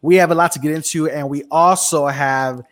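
An American man with a fairly high voice hosts a talk radio show. He speaks in a casual, animated sports-talk style with plenty of emphasis. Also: brisk.

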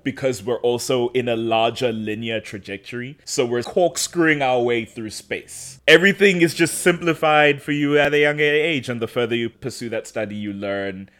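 A man co-hosting a podcast in casual recap chat, explaining things at length with quiet asides. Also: mid-range voice, normal speed, few pauses. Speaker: podcast co-host.

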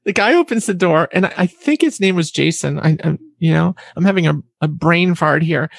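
A woman guest telling a personal story in an interview, animated and acting out what other people said. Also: on the low side, normal speed, gravelly, dry recording.

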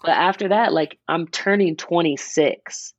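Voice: medium pitch, measured pace, no echo, dull audio. A person in their mid-twenties chatting casually on a podcast, rambling and restarting as they explain an idea. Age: 20s. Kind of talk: casual chat.

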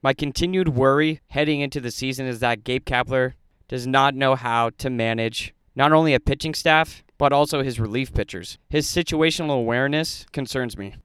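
A man's voice: medium pitch, moderate pace, fairly bright tone, clear, resonant tone, dry recording. Fired-up man hosting a sports podcast. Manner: opinionated, gets fired up. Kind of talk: solo sports commentary podcast.

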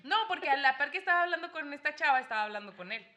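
Young mexican woman, bright clear voice, kinda high, acts out the quotes as she tells it. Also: racing. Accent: Mexican Spanish. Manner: animated storytelling with laughs and acted-out quotes. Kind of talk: casual chat.

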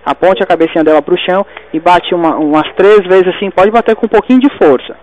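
A man, an emergency doctor giving steady, repeated step-by-step instructions over the phone. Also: high-pitched, fast talker, muffled recording.

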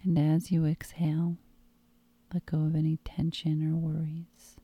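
Woman, hypnosis guide, calm meditative tone, soft near-whisper, breathy, low-pitched, even intonation. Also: unhurried, no room sound, highs cut off. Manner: calm, soothing, meditative delivery.

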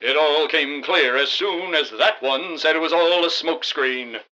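An actor playing an earnest, bumbling, wisecracking hero in a comic radio drama, melodramatic and mock-heroic. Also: male voice, on the high side, a little slow, pushed and bright, muffled recording. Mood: defiant, cocky. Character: earnest, bumbling, wisecracking male masked crime-fighting hero.

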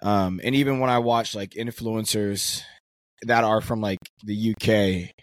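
A man's voice: fairly low pitch, measured pace. A young man co-hosting a casual podcast, asking searching questions and hedging often as he talks. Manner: animated, asks searching questions, hedges with "like" and "I guess". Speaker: podcast co-host.

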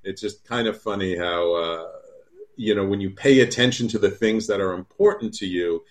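Low-voiced man hosting talk radio. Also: normal speed. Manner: relaxed, hesitant fillers. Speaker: radio show host.

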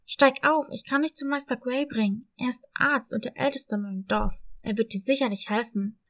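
Brave little male puppy, lower and louder than the narration, protective and kind, voiced by a woman. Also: moderate pace, lightly acted. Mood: reassuring. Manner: reassuring, protective.

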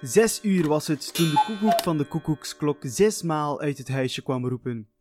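A man's voice: on the high side, measured pace, loud music behind the voice. A man narrating a fairy tale in a playful, chatty way, talking straight to the listener. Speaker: storyteller.

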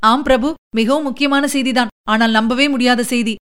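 A woman's voice: fairly high pitch, steady tone, brisk, fairly bright tone, clear, resonant tone, close to an everyday voice. A woman voicing a male prime minister in an audiobook, speaking in a hesitant, deferential way. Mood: anxious. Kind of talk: audiobook character reading.

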